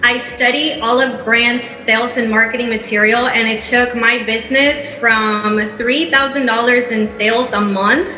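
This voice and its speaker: A woman from Peru speaks, her voice pitched a little high and sounding bright. She talks in an upbeat way and laughs easily. She is a guest on an event stage, and the sound rings through an echoey room. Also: steady tone, a little slow, few pauses. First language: Spanish. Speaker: guest entrepreneur. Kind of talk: onstage interview.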